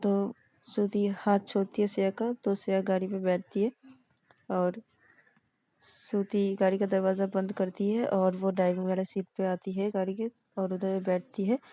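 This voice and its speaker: A woman's voice: medium pitch, level tone, normal speed, warm tone, no echo. A woman casually narrating a love story, linking each step with the same simple phrases. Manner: plain, repeats linking phrases.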